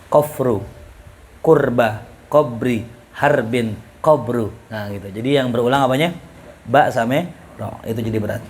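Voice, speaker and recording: A man teaching a class in a relaxed, joking way, reading Arabic lines and explaining them with questions to students. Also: medium pitch, measured pace, long pauses, a little hiss or hum. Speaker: ustadz teaching Arabic rhetoric. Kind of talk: casual classroom lecture.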